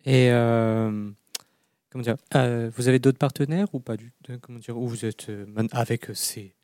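A man interviewing a business founder, asking halting questions and searching for words. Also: mid-range voice, steady tone, a little mellow, no echo, clean studio sound.

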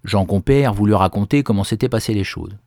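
A man narrating a folk tale in a measured storytelling manner. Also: on the low side, darkish tone, dry recording, studio quality.

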